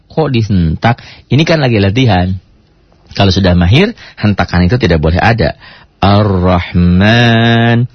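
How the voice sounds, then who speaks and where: A man teaching a Quran reading lesson, lively and drawing out Arabic words to demonstrate them. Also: lowish voice, breathy edge, no echo. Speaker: Islamic teacher. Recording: dull lo-fi sound.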